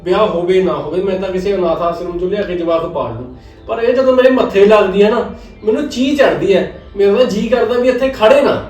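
Sullen hard-drinking husband, played by a man; somewhat high voice, echoey room, distant mic, faint music. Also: expressive, fast, darkish tone. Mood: bitter. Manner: sullen, complaining. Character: bitter hard-drinking young husband, grown son.

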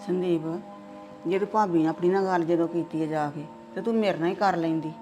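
A woman plays a stern middle-aged mother in a homespun family drama. She talks in a low voice with steady, lecturing reproach. Soft music sits behind her. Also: quick pace, close to an everyday voice. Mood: reproachful.

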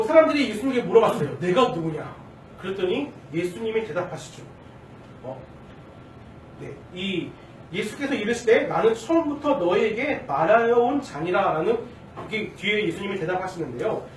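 A man's voice: high voice, slight background noise. A man in his thirties, a junior pastor, preaching a sermon in a conversational way, asking the congregation questions and acting out quoted lines. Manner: acts out quoted lines with shifting tone. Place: church sanctuary. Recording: roomy church sound from a distant mic.

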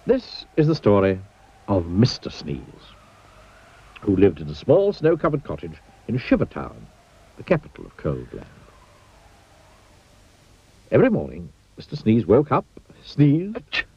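A man narrating a children's storybook in a playful, expressive way. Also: fairly low pitch, measured pace, long pauses, husky. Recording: dull lo-fi old TV soundtrack.

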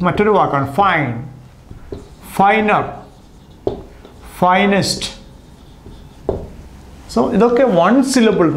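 High-voiced male grammar teacher, echoey room. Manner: patient, repeats and drills each word form. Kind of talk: classroom grammar lesson. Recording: roomy echo.

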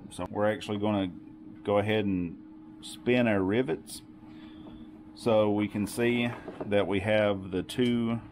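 Low, slow-talking man explaining a tool. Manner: patient, methodical, repeats key points. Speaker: workshop tool demonstrator. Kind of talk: step-by-step how-to explanation. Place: home workshop, indoors. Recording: noisy workshop recording.

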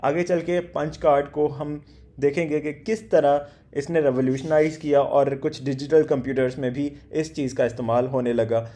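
A man with a fairly high but mellow, soft-edged voice gives a beginner lecture. He explains things step by step, pausing often with hesitation sounds, and slows right down whenever he reads English text off a slide. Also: steady tone. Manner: explains step by step, many hesitation sounds, stumbles on foreign names. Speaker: teacher.

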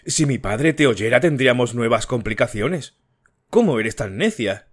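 A man's voice: mid-range voice, expressive, moderate pace, lightly acted. A man playing a brusque, scolding husband. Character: stern, irritated husband.

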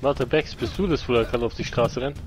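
A man's voice: medium pitch, a little fast, slight background noise. A man calling out casually to his teammates in a gaming voice chat. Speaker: gamer, squad teammate.

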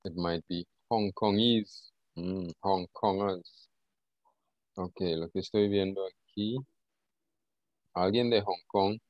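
A man's voice: deep voice, steady tone, takes it slowly, pauses often, no room sound. A man in his forties teaching an online English class, thinking aloud as he switches between Spanish and English. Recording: dull lo-fi audio.

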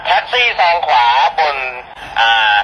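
A man's voice: unhurried, lo-fi sound. Man on a police radio, heavy static. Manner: clipped call-sign replies, mock-serious. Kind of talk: mock police radio dispatch.

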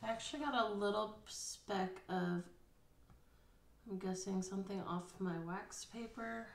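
In a casual hands-on craft tutorial, a woman with a mid-range voice talks at a measured pace, thinking aloud with fillers as she goes step by step at a table. The audio is roomy and slightly distant, with a little hiss or hum.

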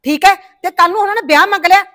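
Brief: actress as a worried, nagging village wife, high voice, fast scolding delivery, short-film drama. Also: female voice, a bit bright. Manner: scolding, rapid and shrill.

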